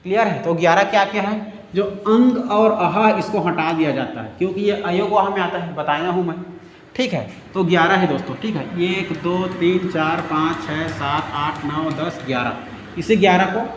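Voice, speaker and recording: Male teacher, high pitch, drilling repetition, reverberant room with faint background hum. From India. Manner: repetitive, drilling with check-ins. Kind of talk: grammar lesson. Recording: echoey room with faint ambience.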